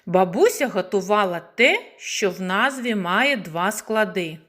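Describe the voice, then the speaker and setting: Slow sing-song woman teaching small children. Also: mid-range voice, very animated, a bit bright. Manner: slow, clear and sing-song, stretching words into syllables. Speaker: preschool teacher. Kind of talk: slow lesson for young children.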